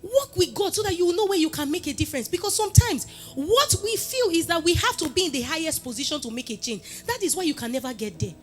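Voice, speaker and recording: A woman with a Nigerian accent giving a lively motivational talk, switching between Pidgin and English and rising to loud, emphatic peaks. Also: very high voice, fast talker, hardly any pauses, soft background music. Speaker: motivational speaker.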